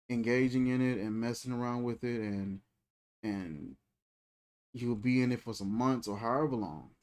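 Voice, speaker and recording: Loose and colloquial, a thirty-something faith channel host reflects out loud, circling back over the same phrases. He has a mid-range voice with a darkish tone.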